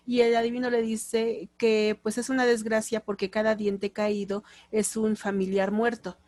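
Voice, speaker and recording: Mexican woman teaching a class, high voice. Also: little pitch movement, moderate pace, a little mellow, no room sound. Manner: explanatory, acts out short quoted lines in different tones. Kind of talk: classroom lecture.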